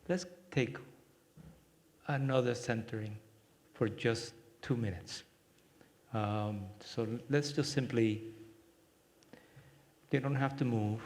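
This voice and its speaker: A man from Cuba giving a workshop talk and guiding a short meditation, speaking gently and reflectively with many pauses. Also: medium pitch. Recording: long hall reverb.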